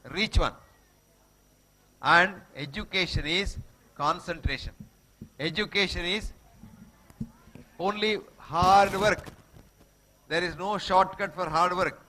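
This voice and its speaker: Guy with telugu indian accent, high bright voice, giving kids a motivational talk, repeats his points a lot. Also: poor audio. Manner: emphatic, repeats short maxims, checks listeners understood. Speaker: guest speaker addressing schoolchildren.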